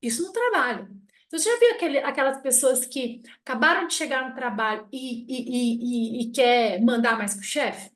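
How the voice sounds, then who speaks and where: A woman's voice: high-pitched, moderate pace. A middle-aged woman giving a casual spoken lesson, blunt and self-mocking, acting out the people in her stories. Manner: animated storytelling, acting out quoted people. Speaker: family constellation teacher.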